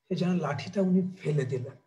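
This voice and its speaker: A man preaching a devotional sermon, retelling a sacred story in an animated, dramatic way. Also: on the high side, quick pace, slight background noise.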